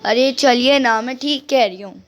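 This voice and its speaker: A woman's voice: a little high, normal speed, slight background noise. A woman host doing game role-play as a poor, devoted mother who talks in a firm, comforting way. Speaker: gaming channel host voicing a family.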